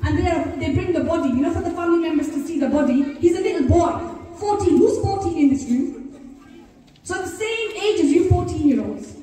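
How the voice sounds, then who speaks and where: Woman teacher, high mellow voice, earnest religious talk that quizzes the crowd, heard from a distance. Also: animated, fairly quick. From Bradford, England. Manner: earnest, keeps questioning the audience. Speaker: Islamic teacher. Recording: echoey hall, voice from afar.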